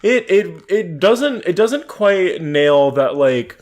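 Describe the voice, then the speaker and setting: Excitable man with a lively voice. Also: sits high. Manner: excitable, swearing, quick bursts with many restarts. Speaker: podcast co-host. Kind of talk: casual film review chat.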